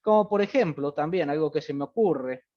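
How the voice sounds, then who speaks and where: A man's voice: fairly high pitch, animated, moderate pace. A man teaching a programming class, thinking aloud as he types code and checking in with students often. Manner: thinks aloud while typing, many fillers like "fíjense" and "bien". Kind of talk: live-coding class explanation. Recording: dull lo-fi audio.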